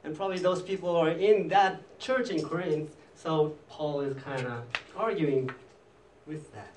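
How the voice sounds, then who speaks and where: Pastor guy giving a laid-back sermon, high voice, keeps asking the room stuff, echoey hall, sounds kinda far off from the mic. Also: takes it slowly, darkish tone, slight background noise. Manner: casual, questions the congregation directly. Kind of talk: conversational bilingual sermon. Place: church hall.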